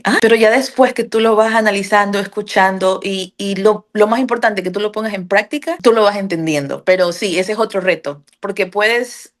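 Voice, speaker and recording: A woman in a relaxed interview, telling her own story. She talks in a chatty way, full of hesitant fillers and quick tag questions. She often slips into acting out little bits of remembered dialogue. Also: medium pitch. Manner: frequent "eh" fillers and "¿verdad?" tags. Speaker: interviewee sharing a testimonial. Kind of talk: casual conversational testimony.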